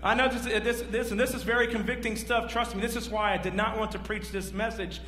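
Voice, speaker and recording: Briskly and in a high-sitting voice, a man in his forties preaches to his congregation, asking them questions. Animated, he roams a large church stage and gestures. The sound echoes through the hall over a faint hum.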